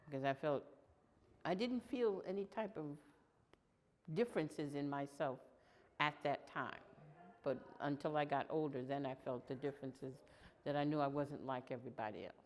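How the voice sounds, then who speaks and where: A woman in her sixties from Long Island, New York, giving plain, unhurried answers in an oral history interview that trail off quietly. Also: sits low. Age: 60s. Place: indoor room in downtown New York.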